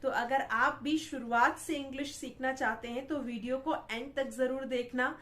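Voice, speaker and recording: Bright, high-voiced woman opening a video. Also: steady tone, moderate pace. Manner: upbeat, direct address to viewers. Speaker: channel host. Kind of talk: video intro.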